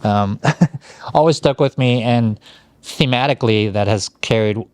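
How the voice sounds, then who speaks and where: A middle-aged man from Hawaii, co-hosting a podcast, tells his life story in a rambling, casual way, filling it with fillers, restarts, and self-corrections. His mid-range voice is unhurried and clean, and the recording is dry.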